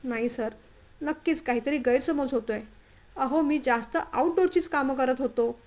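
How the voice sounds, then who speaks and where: A woman's voice: sits high, moderate pace, a little mellow, lightly acted. A woman voicing a timid, honest young male clerk who pleads anxiously. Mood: panicked pleading.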